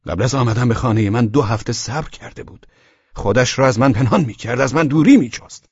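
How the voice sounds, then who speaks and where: A man with a husky voice reading a novel aloud in a measured, dramatic way. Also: mid-range voice, a little mellow, no echo. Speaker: audiobook narrator. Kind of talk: scripted audiobook narration. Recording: dull dry lo-fi recording.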